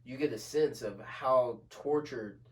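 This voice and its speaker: A young man co-hosting a podcast, chatting about TV shows in a casual, excitable way, often repeating himself. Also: takes it slowly, distant mic. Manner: excitable, repeats himself, swings loud and high. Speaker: podcast co-host. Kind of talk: casual chat.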